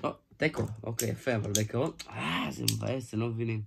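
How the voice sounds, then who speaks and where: An excitable man talks through a casual hands-on toy review from home, exclaiming often and breaking off mid-sentence. His mid-pitched voice has a gravelly fry. The recording is noisy, with clicks behind him.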